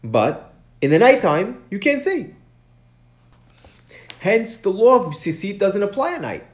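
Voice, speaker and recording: A man's voice: high voice, huge pitch swings. Man teaching with rising emphasis. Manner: explanatory, rising emphasis on key points, frequent "right?"; chants source text quickly. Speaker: Mishnah teacher. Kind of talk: recorded study lesson.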